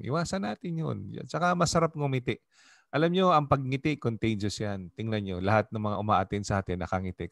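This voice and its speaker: A man serving as pastor, giving a relaxed devotional talk over a video call, often asking "di ba?" and laughing easily. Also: on the low side, dry recording, clean studio sound. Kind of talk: casual devotional teaching.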